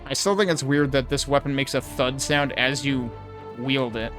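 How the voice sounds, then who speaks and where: A man with a mid-range voice and steady tone, speaking at normal speed, gives casual commentary while playing a video game. He thinks aloud in a critical, analytical way, with game music playing behind him.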